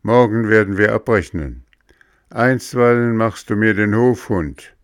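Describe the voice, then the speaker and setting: A man's voice: on the low side, a little slow, dry recording, clean studio sound, voice pushed up, close to an everyday voice. A man doing a furious, threatening farmer. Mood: stern. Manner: angry, threatening. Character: angry gruff middle-aged farmer.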